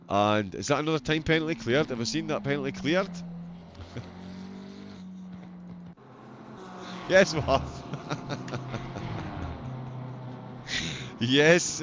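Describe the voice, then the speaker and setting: A man's voice: medium pitch, noisy background. A man with a broad Scottish accent giving live motorsport commentary in a wry, chatty, amused way. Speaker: sim racing livestream commentator.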